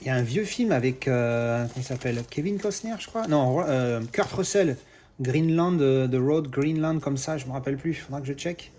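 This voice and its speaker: A man's voice: medium pitch, normal speed, a little mellow, slight background noise. A man talks through an unboxing in a loose, chatty way. He hesitates often, restarts his sentences and swears casually as he goes. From Marseille, France. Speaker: collector doing unboxings.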